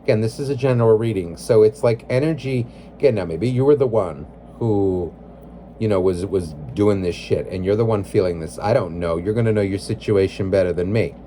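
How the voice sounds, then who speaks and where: A man talks through a tarot reading in a low, dark-toned voice. He rambles, leaning on "like" and "you know", and speaks bluntly and with feeling. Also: brisk, slight background noise. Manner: emotionally invested, blunt. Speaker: tarot reader.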